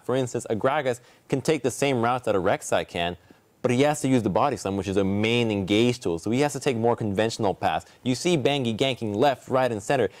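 A man on an esports analyst desk explaining game mechanics step by step. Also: medium pitch.

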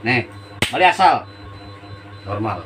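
A man leads a live demonstration as a spiritual practitioner, coaxing his subject with short commands he repeats again and again. His voice sits at an ordinary middle pitch. Music plays clearly underneath. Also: sing-song, slow pace. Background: background music.

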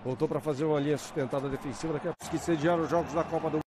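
A man's voice: a little high, fairly even intonation, very fast. Brazilian man chatting over stadium noise. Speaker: football broadcast commentator. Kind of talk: conversational match analysis. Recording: noisy stadium broadcast.

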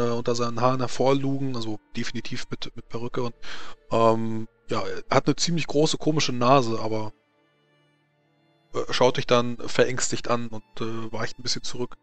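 A man's voice: mid-range voice, no room sound. A man narrating a tabletop game as game master, improvising in hesitant phrases. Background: faint music.

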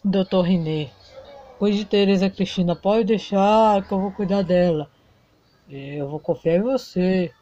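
A woman's voice: mid-range voice, measured pace, dark tone, no echo, muffled recording, close to an everyday voice. A woman voicing a man, a busy restaurant chef who brushes off his wife, in a doll soap opera. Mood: instructing. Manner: curt, dismissive. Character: busy male restaurant chef, husband, curt.

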